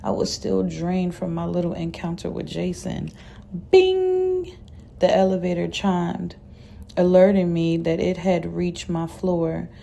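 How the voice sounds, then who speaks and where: A woman reading a first-person story aloud, dramatic and casually profane. Her voice is low and mellow, with a gravelly fry running through it. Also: a little hiss or hum.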